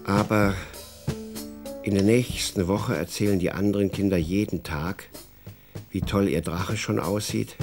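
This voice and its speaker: A man narrating a children's radio play in a calm storytelling manner. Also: lowish voice, a little slow, soft background music. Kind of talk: scripted radio drama narration.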